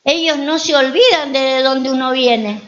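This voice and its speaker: A woman pastor with an Argentine Spanish accent preaches a sermon in church, telling stories and often posing rhetorical questions to the congregation. Her voice sits high and moves a little slowly, captured with lo-fi sound.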